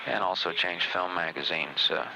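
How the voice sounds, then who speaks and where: A very low male voice with a creaky edge delivers live space mission commentary over noisy radio. He is measured and factual, often halting as he explains procedures. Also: steady tone. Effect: radio relay.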